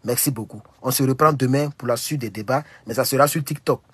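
A young Ivorian man with an Ivorian French accent, hosting a casual livestream and talking in an animated, rhetorical way, often repeating his questions. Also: medium pitch, a little fast, slightly rough, no echo. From Côte d'Ivoire. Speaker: livestream host.

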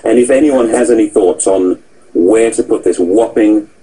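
A man hosting a breakfast radio interview, brisk and chatty. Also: fairly low pitch, dark tone, poor audio. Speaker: radio host.

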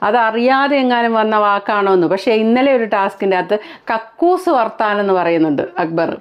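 A woman's voice: medium pitch, expressive, brisk, clean tone, lo-fi sound. A woman from Kerala giving blunt, critical reality-show commentary as a vlogger, full of rhetorical questions.

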